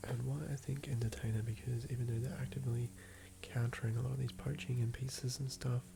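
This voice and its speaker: A man's voice: medium pitch, level tone, fast, vocal fry. A man with an Australian accent whispering in a musing, rambling ASMR style as he builds a game character. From southern Australia. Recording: noisy ambient background.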